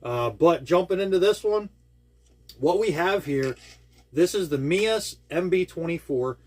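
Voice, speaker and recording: A man's voice: on the high side, expressive, a little slow, darkish tone. A man hosting his own hobby channel, walking through a build in a casual, enthusiastic way, rambling and full of ums and uhs, talking indoors at home. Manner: enthusiastic, rambling with many fillers. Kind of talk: casual product walkthrough. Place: indoors at home with air conditioning.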